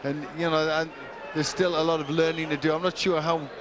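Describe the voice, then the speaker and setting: A man's voice: a little high, level tone, brisk. A man giving conversational expert analysis as a boxing co-commentator at ringside. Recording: loud crowd and noise behind commentary.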